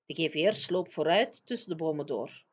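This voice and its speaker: A woman teacher reading a children's book aloud in a lively storytelling manner. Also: sits low, moderate pace, slightly rough. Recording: dull lo-fi recording.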